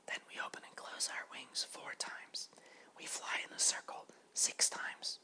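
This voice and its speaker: A man gives voice to a group of gentle butterflies set in their habits, speaking in a breathy, unvoiced whisper. The mood is hushed, and he keeps it soft and slow.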